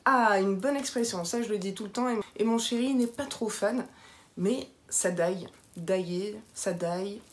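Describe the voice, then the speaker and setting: Young woman from the french southwest, faint southwestern accent, chatty and playful vlog talk, medium pitch. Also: moderate pace. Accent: southwestern French, light. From southwest France (Béarn). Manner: chatty, playful, lively asides. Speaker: vlogger. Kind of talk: casual chat to camera.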